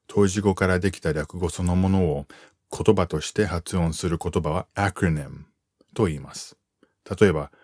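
A man with a very low voice reads a prepared text at an unhurried, even pace. He slows down carefully over each term he spells out. The sound is close and dry, with no room around it. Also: no echo. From United States. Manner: calm, measured reading, slowing to spell out terms. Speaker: narrator reading an article. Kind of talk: scripted reading for language learners.

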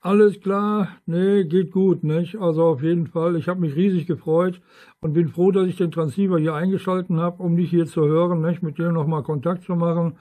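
With a fairly high, warm voice and fairly even intonation, an amateur radio operator chats casually at a moderate pace, rambling on and frequently adding tag questions to his sentences.

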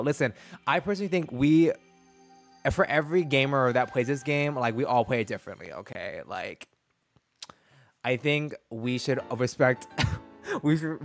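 A young man chatting casually while streaming a game, animated and full of slang. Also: mid-range voice. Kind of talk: casual gaming stream chat.

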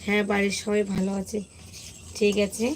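A woman, hoarse today, hosting a casual live stream and greeting viewers one by one. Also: medium pitch, level tone, fairly quick, a little hiss or hum.

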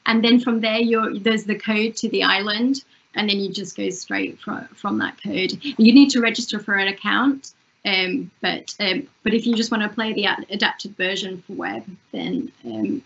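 A woman festival director answers interview questions over a video call from a room at home, hesitating with many fillers and restarts. Her voice is medium-pitched and fairly bright. Picked up by a wired earphone mic, the audio is muffled with slight background noise.

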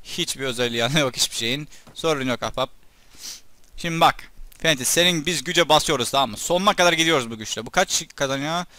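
A young man giving casual commentary over his gameplay, chatting to his troops and breaking into loud excited shouts during fights. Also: on the high side, fast talker, no room sound. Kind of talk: let's play commentary.

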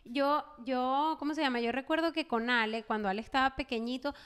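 A woman, co-hosting a casual chat podcast and telling animated stories that act out each scene. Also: high-pitched, brisk, clear, resonant tone. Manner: animated storyteller who acts out scenes. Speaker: podcast co-host.

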